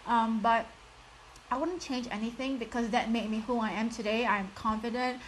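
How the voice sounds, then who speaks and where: With a fairly high pitch, steady tone and normal speed, a life coach in her thirties with a strong Singaporean accent gives a live motivational talk. She addresses her viewers head-on, encouraging them and using "like" and "you know" a lot. The recording is rough, with a little hiss or hum.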